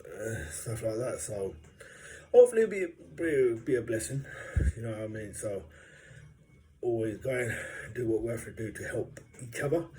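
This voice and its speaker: A man's voice: fairly low pitch, lively intonation, moderate pace, warm tone, a little hiss or hum. A man talking casually to camera as a vlogger, upbeat and jokey, rambling with plenty of fillers. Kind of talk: casual vlog monologue.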